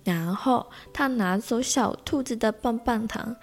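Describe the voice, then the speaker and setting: A woman reading a children's picture book aloud as a storyteller, with gentle, slow pacing. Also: fairly high pitch, soft background music.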